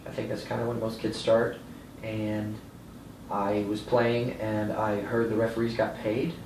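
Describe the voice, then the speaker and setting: A man's voice: on the low side, level tone, a little slow. A young man from Florida answering interview questions in a matter-of-fact way. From Florida, USA. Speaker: interviewee, soccer referee. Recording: roomy, distant mic with background noise.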